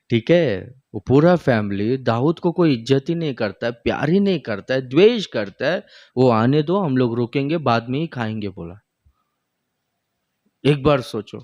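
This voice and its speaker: A man's voice: a little mellow, muffled recording. A male pastor from India preaching a sermon, retelling stories with quoted dialogue and breaking into exclamations of praise. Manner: preaching with sudden rises in pitch and frequent praise exclamations.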